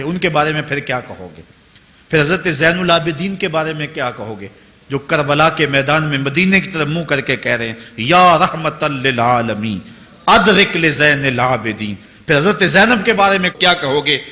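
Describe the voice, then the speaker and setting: A male preacher giving an impassioned sermon, building to emphatic peaks and slowly chanting Arabic quotations. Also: a little high, bright, forceful tone. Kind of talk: Urdu religious sermon. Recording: long hall reverb.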